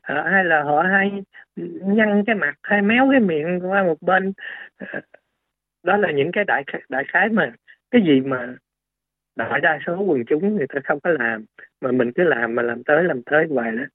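This doctor guest speaks a little high at a normal speed, with no room sound. Explaining things on the radio, he hesitates often, stumbling through fillers and restarts, and the line sounds thin and phone-like.

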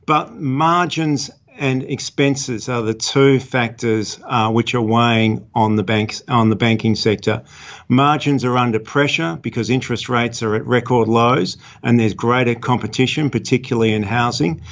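Finance guy being interviewed, medium pitch, careful and stop-start, repeats himself, slightly muffled lo-fi sound. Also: fairly even intonation, moderate pace. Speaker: fund manager, interviewee. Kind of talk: explanatory interview commentary.

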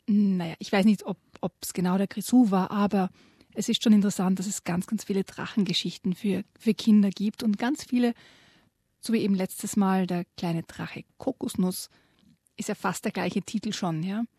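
A woman's voice: medium pitch, fairly even intonation, normal speed, warm tone, slightly rough, dry recording, studio quality. A woman co-hosting a podcast on children's books, talking casually and thoughtfully with some hesitation. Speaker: podcast co-host and reader.

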